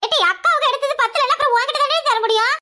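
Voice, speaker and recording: A woman voicing a loud, quick-tempered village mother in a cartoon, with a southern Tamil village accent and shrill, fast exclamations. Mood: scolding. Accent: southern Tamil Nadu village Tamil. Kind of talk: cartoon voice acting.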